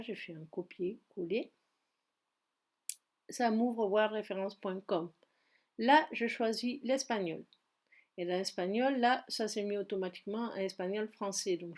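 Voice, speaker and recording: A woman's voice: medium pitch, a little slow, a little mellow. A woman with a Spanish accent, a teacher walking students step by step through an online dictionary in a screen-recorded tutorial. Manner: step-by-step, patient explaining.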